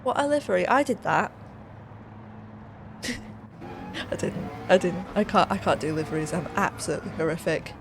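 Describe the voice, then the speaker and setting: A woman's voice: on the low side, big pitch swings, moderate pace, pauses often, noisy background. A woman hosting her channel, giving casual sim-race commentary with playful, self-mocking asides.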